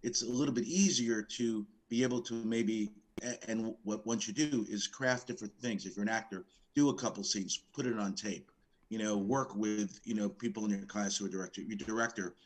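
A man's voice: lowish voice, brisk. A man, a film producer, giving earnest, somewhat rambling advice in an interview.

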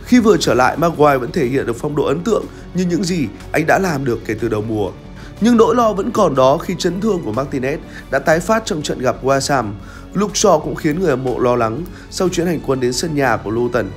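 A young man reads a scripted football review as a commentator, with a lively, dramatic storytelling delivery, recorded on a studio set with a lavalier mic. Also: a little high, brisk, faint music behind. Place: red studio set with screens. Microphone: lavalier mic on shirt.

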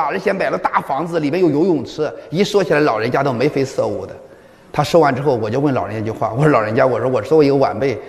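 A man lectures a large audience with fervent conviction, his fairly high voice leaping up and down as he hammers home each point. He keeps turning to the crowd with rhetorical questions. The sound carries a long, ringing hall reverb. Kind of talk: public lecture.

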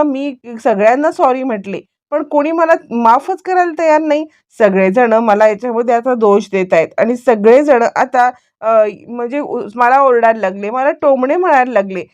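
A woman's voice: fairly high pitch, darkish tone, lightly acted. Scheming young woman, put on by a female storyteller; whiny, self-pitying. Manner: whiny, complaining.

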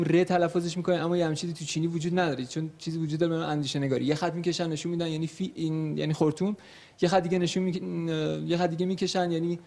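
A young man, a multilingual tour guide, explaining language learning in a relaxed chat with plenty of fillers and everyday examples. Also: on the high side. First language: Persian. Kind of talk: casual studio chat.

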